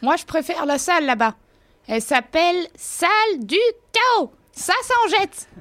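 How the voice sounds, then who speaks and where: A woman's voice: very high voice, big pitch swings, moderate pace, a bit bright, reverberant, heavily acted. A woman voicing a cheeky, hungry little Christmas elf in an interactive audio adventure, playful and exclamatory. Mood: eager.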